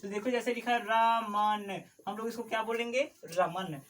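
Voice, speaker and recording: A man teaching a Hindi basics lesson. He repeats syllables over and over, asks questions and answers them himself, and says some sounds forcefully and others softly. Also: extremely high pitch, little pitch movement, moderate pace, distant mic, a little hiss or hum. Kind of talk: classroom lesson on vowel marks.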